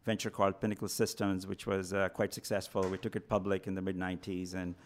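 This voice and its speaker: A middle-aged man from northern India, a venture capital guest in a radio studio, answering in a measured, matter-of-fact way. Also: low-pitched, flat delivery. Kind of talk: interview answers.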